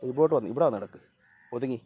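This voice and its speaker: A man talking casually to his cats and dogs outdoors by a road, coaxing them and sometimes shouting at them to move. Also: mid-range voice, rapid-fire, breathy edge. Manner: coaxing and scolding the animals, shouting now and then. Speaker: vlogger. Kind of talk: casual chat with his pets.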